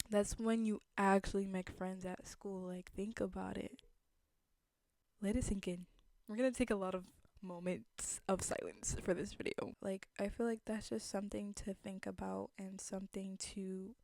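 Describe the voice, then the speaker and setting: A woman's voice: mid-range voice, mellow, no echo, studio quality. A young adult woman with a slight lisp, chatting casually to viewers as a vlogger in an earnest, reflective, conversational way.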